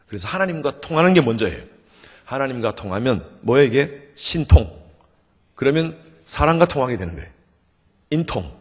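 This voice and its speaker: A middle-aged male pastor preaching at a revival meeting, lively and joking, having the congregation repeat after him. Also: fairly high pitch, slightly rough. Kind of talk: sermon. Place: church sanctuary. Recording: long church hall reverb.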